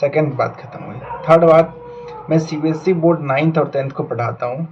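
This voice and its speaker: A man's voice: on the high side, normal speed, a little mellow, a little hiss or hum. Earnest young man, muffled lo-fi sound. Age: 20s. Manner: earnest, reflective, mixing English words. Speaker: vlogger and aspiring doctor. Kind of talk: casual talk to camera.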